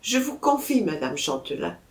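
A woman's voice: lowish voice, big pitch swings, normal speed. A woman reading an anxious pleading husband. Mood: insistent. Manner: imploring, urgent. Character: anxious middle-aged husband, pleading and polite. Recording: roomy echo.

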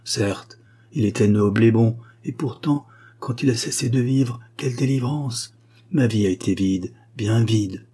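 A man's voice: medium pitch, unhurried, dark tone, husky. A man voicing a proud, mocking ghostly young widow in an audiobook, raising his voice and slipping into whispers. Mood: bitter. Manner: teasing, wistful, half-whispered. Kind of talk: audiobook reading.

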